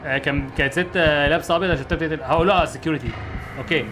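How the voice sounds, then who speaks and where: A young man streaming a game with an excitable, jokey Egyptian Arabic delivery. He talks very fast in a slightly raised pitch. Faint music plays underneath. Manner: excitable, jokey, easily startled. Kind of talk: gameplay commentary.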